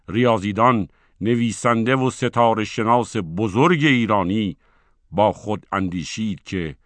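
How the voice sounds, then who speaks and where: A man giving scripted narration, reading in a measured, formal way, letting each phrase fall at its end. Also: lowish voice, fairly bright tone, dry recording.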